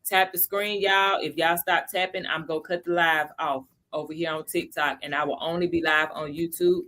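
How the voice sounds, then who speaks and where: Woman, low-pitched, casual livestream teacher, talks to viewers as y'all, slows for key points. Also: fairly even intonation, pushed and bright. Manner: chatty, addresses viewers as y'all, greets chatters by name. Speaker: livestream host teaching crypto basics.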